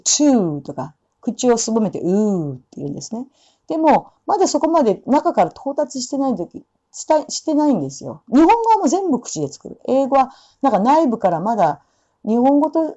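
A woman teaching English pronunciation, explaining sounds and slowly repeating example phrases. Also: mid-range voice, warm tone. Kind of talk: pronunciation lesson. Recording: dull lo-fi sound.

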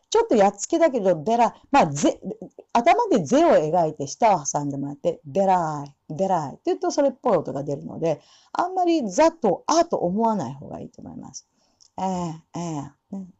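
A woman teaching English pronunciation, explaining sounds and slowly repeating example phrases. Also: medium pitch, mellow. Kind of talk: pronunciation lesson. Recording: dull lo-fi sound.

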